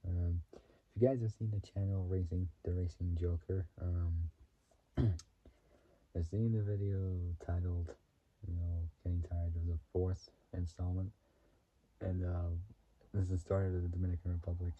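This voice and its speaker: A young man talking casually to his channel, rambling through fillers, giggles and throat clearing as he explains a movie. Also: low voice, little pitch movement, moderate pace, dark tone. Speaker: YouTuber. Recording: dull lo-fi sound.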